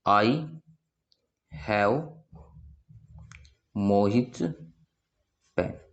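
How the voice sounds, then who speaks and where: Male teacher, mid pitch, quizzing the class and answering himself, slightly muffled recording. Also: a little mellow. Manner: asks questions and answers them himself. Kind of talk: classroom grammar lesson.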